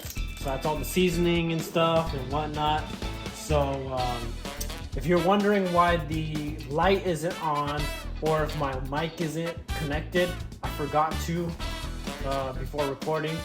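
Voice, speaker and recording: A man's voice: on the high side, slow. Young guy rambling thru a cooking vlog, um's everywhere, guitar music going behind. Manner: rambling, chatty, with many fillers. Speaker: vlogger. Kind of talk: casual cooking vlog talk.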